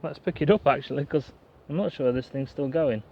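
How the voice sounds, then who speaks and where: A man chatting fast and rambling to the camera in a pine woodland, like a bushcraft vlogger. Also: medium pitch, slight background noise. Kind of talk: casual rambling chat to camera. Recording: dull lo-fi outdoor recording, faint woodland ambience.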